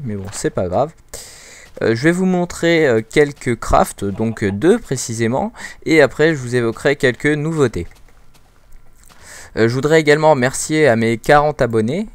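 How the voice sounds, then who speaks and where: A man chats his way through a game walkthrough as host, in an informal, hesitant manner full of fillers. His voice is smooth and clear at an average pitch. The sound is dry and close, with no room around it. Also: no echo. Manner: chatty and informal. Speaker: gaming video host. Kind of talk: casual game walkthrough commentary.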